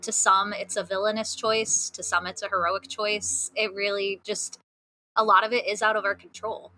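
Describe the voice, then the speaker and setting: A woman's voice: mid-range voice, flat delivery, normal speed, sharp tone, slight background noise, poor audio. A woman with a Valley Girl way of talking, chatting casually as a podcast guest. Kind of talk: casual discussion.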